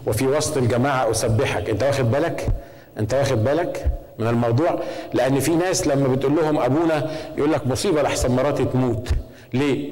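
Fast-talking Egyptian pastor in a reverberant hall. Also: male voice, medium pitch, a little mellow. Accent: Egyptian Arabic. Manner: conversational, asks the congregation questions. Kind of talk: sermon. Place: church.

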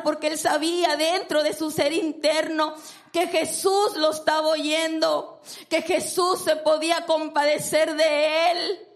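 Slow high-voiced woman preaching. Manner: emphatic, repeats phrases for stress. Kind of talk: sermon.

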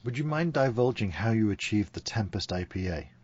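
A man's voice: lowish voice, lively intonation, a little fast, darkish tone, husky, lo-fi sound. A man hosting a podcast, chatty and enthusiastic about food and beer. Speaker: podcast host. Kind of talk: casual chat.

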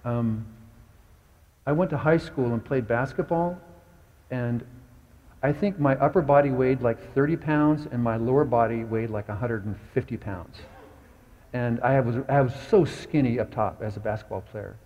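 A man's voice: medium pitch, normal speed, darkish tone, big-room sound, muffled recording. A man, a pastor preaching a sermon in a conversational style, telling stories and asking his congregation questions. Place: church sanctuary.

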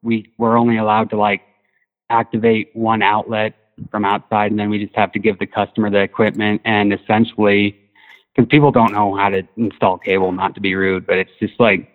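A man's voice: fairly low pitch, level tone, a little fast. Caller on a phone line: a laid-back man, tinny and thin, easygoing with fillers. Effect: over the phone. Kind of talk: casual chat.

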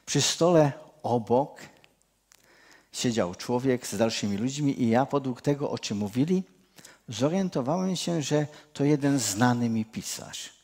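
A man's voice: medium pitch, lively intonation, a little slow, a little mellow. A man preaching a sermon from the area. He talks earnestly to the congregation, often restarts a phrase, and lifts his voice when stressing a point. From Czech Cieszyn region.

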